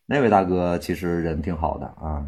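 A man in his thirties, a volunteer aid worker, telling a personal story in casual speech, halting and full of restarts, growing heated when angry. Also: deep voice, warm tone, breathy edge. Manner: halting, many restarts and fillers, rising heat when angry.

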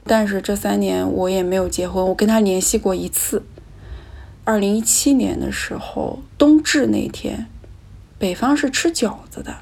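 A woman's voice: medium pitch, normal speed, creaky, a little mellow, slightly rough. A woman telling her own personal story in a reflective, candid and emotional way.

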